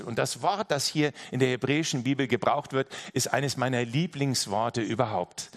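A man with a mid-range voice preaches a sermon earnestly and directly, addressing his listeners head-on and often repeating his phrases.

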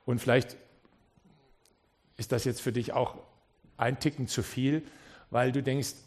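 Preaching in church, this man speaks a little slowly with little pitch movement overall, yet he shifts from soft, low sections to loud, rising pleas. Repeated words and restarts come up often.

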